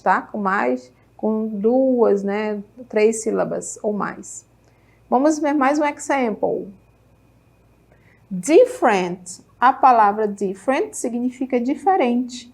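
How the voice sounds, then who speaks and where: A Brazilian woman with a slightly high voice leads an English class in a Brazilian Portuguese accent. She is upbeat and encouraging, keeps checking that her students are following, and says each English word slowly so they can repeat it. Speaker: English teacher. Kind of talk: televised classroom lesson.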